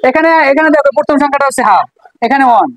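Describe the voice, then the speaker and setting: A woman with a Bangladeshi Bengali accent teaches a class, prompting students with questions and echoing their answers. Her voice sits a little high. The sound is dry and close. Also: lively intonation, racing. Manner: coaxing, asks questions and repeats answers. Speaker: math teacher.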